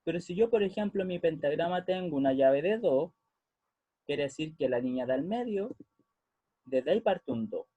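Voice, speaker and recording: A man's voice: a little high, animated, moderate pace, mellow, breathy edge, no room sound, dull audio. A man explaining music theory patiently in a lesson, often checking that the listeners follow. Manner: patient, checks understanding with frequent "¿ya?". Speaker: music teacher.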